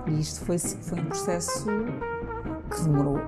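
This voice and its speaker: A woman from northern Portugal speaks in a low-set voice, stopping and restarting her phrases as she answers an interviewer. Music plays clearly underneath her talk. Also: flat delivery. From Trás-os-Montes, Portugal. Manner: halting, many restarts and repeated words. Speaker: jazz singer.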